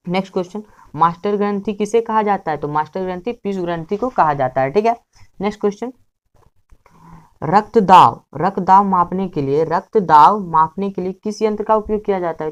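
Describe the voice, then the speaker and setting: A woman with a fairly low voice runs a quiz-style revision lesson. She states each question, answers it, repeats the answer for drilling, and tops it off with a quick "okay". She fixes her small slips on the spot and keeps going. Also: dull audio. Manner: self-correcting, with slips. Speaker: teacher.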